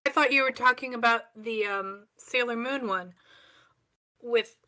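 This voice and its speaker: A woman co-hosting a podcast in casual chat, relaxed and teasing with her partner. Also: fairly high pitch, a little slow. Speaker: podcast co-host.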